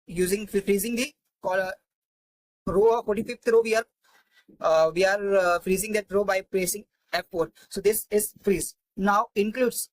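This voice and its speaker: A man's voice: high-pitched, fairly even intonation, measured pace, no echo, poor audio. A man teaching a spreadsheet tutorial, thinking aloud with many fillers and restarts. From India. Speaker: Excel tutor. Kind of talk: screen-recorded spreadsheet tutorial.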